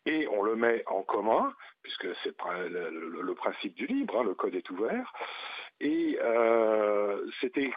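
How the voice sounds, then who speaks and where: A man's voice: lowish voice, sing-song, slow pace, dry recording. A man calling in over a landline phone as a guest on a radio talk show, explaining at length with many hesitations. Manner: explanatory, with frequent hesitations and fillers. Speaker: guest teacher and union representative. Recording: muffled phone line, dry.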